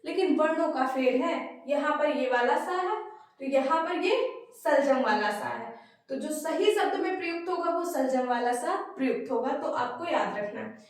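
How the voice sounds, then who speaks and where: A woman teacher giving a spelling lesson for exam students, explaining step by step and repeating each word slowly. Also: high voice, animated. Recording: very echoey room, voice far from mic.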